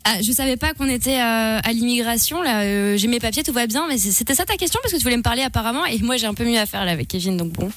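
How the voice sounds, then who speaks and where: A woman's voice: a little high, fast, few pauses, a bit bright, lightly acted. A woman playing a cheeky flirt named Svetlana. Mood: teasing. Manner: mocking, teasing, unbothered. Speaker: radio host. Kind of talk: prank call role-play.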